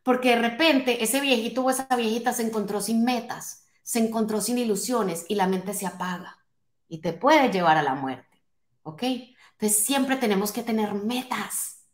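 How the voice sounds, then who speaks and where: A 49-year-old woman coach gives an emphatic motivational talk to an online live audience, addressing listeners directly with rhetorical questions and check-in tags. Her voice sits on the high side at a moderate pace. She's in a small home office, and the sound is roomy and echoing.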